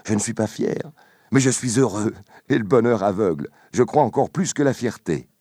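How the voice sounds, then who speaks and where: A man voicing a happy, open-hearted young sailor in love, warm and earnest. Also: on the low side, lively intonation, moderate pace, slightly rough, no echo, studio quality, pitched above the performer's own voice.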